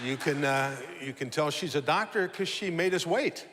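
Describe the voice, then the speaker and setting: A man's voice: on the high side, expressive, normal speed, over a noisy crowd. A man hosting a live morning show, speaking podium-style to an audience with casual banter. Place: stage in a hall with an audience. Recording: noisy hall with long reverb.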